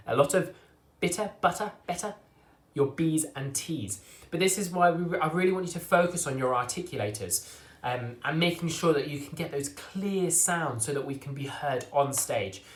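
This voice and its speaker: A man teaching an online drama class for children, encouraging and reassuring as he drills tongue twisters slowly. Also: on the high side, animated. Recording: echoey room.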